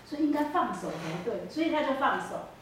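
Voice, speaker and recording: A woman's voice: sits high, sing-song, a little fast, slight background noise. A woman with a Taiwanese Mandarin accent preaching a sermon, retelling a Bible story with many rhetorical questions and hesitant self-corrections. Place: church hall. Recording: echoey hall, distant mic.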